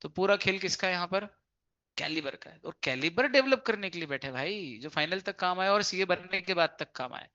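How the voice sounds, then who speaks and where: A male teacher lectures with a forceful, bright edge in a slightly high voice. He keeps asking his class rhetorical questions and slips English legal terms into his explanations. The recording sounds dull and lo-fi. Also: lively intonation, moderate pace. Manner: emphatic, asks students rhetorical questions. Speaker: CA exam teacher.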